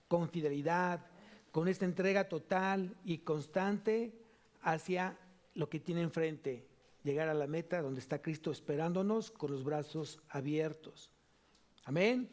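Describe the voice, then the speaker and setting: A man with a Mexican Spanish accent preaching a sermon in church as pastor, emphatic, repeating key phrases and moving between loud and soft delivery. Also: high voice. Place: church sanctuary.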